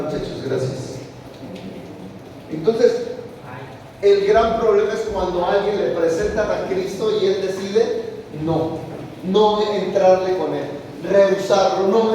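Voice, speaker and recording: A man's voice: high voice, a little mellow, a little hiss or hum. A man preaching a sermon as pastor, with emphatic rising and falling delivery, recorded from a distance in a large church hall. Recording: echoey hall heard from a distance.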